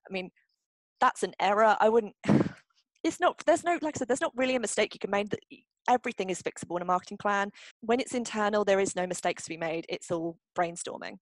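Woman, young adult, workshop host, casual Q&A, chatty, ums and restarts, medium pitch, dry close sound. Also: fairly quick, dry recording, low-quality recording. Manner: chatty, repeats herself, frequent ums and restarts. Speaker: publishing marketing workshop host. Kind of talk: casual workshop Q&A, reading and answering questions.

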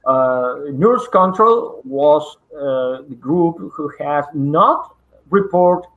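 A middle-aged man from Argentina delivers an online conference presentation via webcam from his bookshelf-lined home study, using hesitant English packed with fillers and a Spanish accent. He sounds slightly high-pitched and animated, yet speaks extremely slowly. The video call audio comes through dull and lo-fi.

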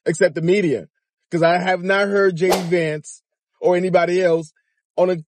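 A man's voice: sits high, darkish tone, no echo. A middle-aged man giving informal commentary in a car, emphatic and challenging, with incredulous rhetorical questions. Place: inside a car.

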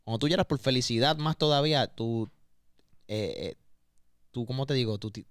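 Guesting on a studio podcast, a male singer from Puerto Rico talks at normal speed with a medium pitch and a Puerto Rican Spanish accent. The interview is candid and emotional, with frequent repeated words as he looks for the right ones. There's no room sound, and the quality is studio-grade.

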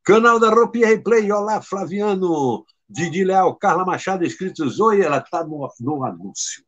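A man with a husky, breathy voice that sits high for a man hosts a casual live stream. He talks in a chatty, teasing way, greets viewers one by one and laughs easily. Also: animated, a bit bright, muffled recording. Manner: chatty, greets viewers by name and reads their comments; teasing and playful, quick to laugh.

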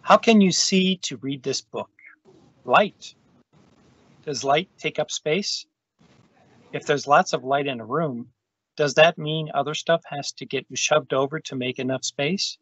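This man's slightly high, somewhat bright voice reads a kids' science book aloud a little slowly during a video call storytime. The audio from his call microphone is dull and lo-fi, with no echo.

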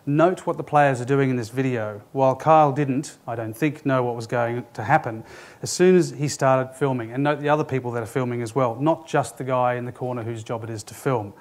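A man, a former radio executive, giving a measured, explanatory presentation at a conference and addressing the audience directly. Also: mid-range voice.

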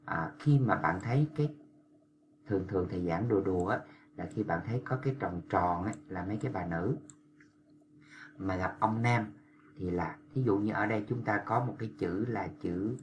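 A man walks learners through pronunciation in a very deep voice. He talks patiently and stretches out syllables when he demonstrates them, with a faint background hum. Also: moderate pace, long pauses. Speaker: Korean language teacher. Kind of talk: explanatory lesson for language learners.

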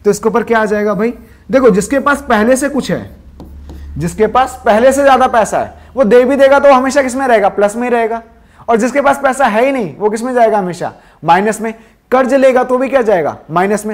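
Speaking fairly quickly with lively intonation, a male science teacher quizzes his class and supplies the answers himself. His voice drops lower on each answer, and he drills the key terms through repetition.

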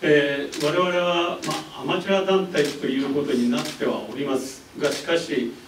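An older man, president of an amateur sports association, giving a measured, formal press conference speech with frequent pauses. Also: a little high, steady tone, noisy background. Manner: measured and formal, pausing with fillers. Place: indoor press conference room. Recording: roomy, mic a bit distant.

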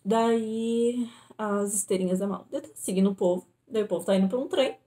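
Young woman from southern Brazil, mellow low-brightness voice, casual home vlog storyteller, animated. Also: brisk. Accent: southern Brazilian Portuguese. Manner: animated retelling, acts out her own panicked pleas. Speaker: vlogger. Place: indoors at home.

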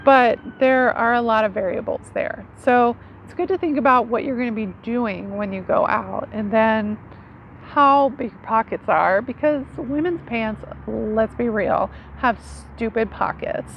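Speaking at a moderate pace in a slightly high voice, this woman in her forties walks the camera through her knives as a foraging teacher. The tone is informal and chatty, peppered with "right?" as she seeks agreement. She's outdoors beneath a tree in a leafy yard, and the sound is dull with background noise from outside.

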